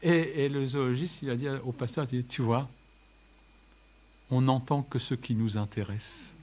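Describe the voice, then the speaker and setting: A man's voice: medium pitch, normal speed. A man preaching a sermon, joking with the congregation and at times crying out lines at full voice. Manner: lively, jokes with the audience, shouts some lines.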